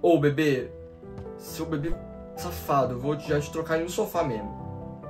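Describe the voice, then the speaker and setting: A man's voice: a little high, normal speed. A nineteen-year-old man with a Brazilian Portuguese accent doing slangy horror gameplay commentary, jumpy and panicky, shrieking and rattling off repeated words while talking straight to viewers. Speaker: gaming YouTuber. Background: game music.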